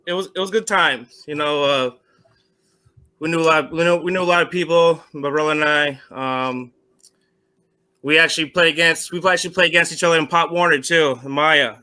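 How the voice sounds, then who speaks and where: A middle-aged man from Vermont answering interview questions on a call, halting with many restarts and fillers. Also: on the high side, pushed and bright, clean tone. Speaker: guest, former semi-pro football player.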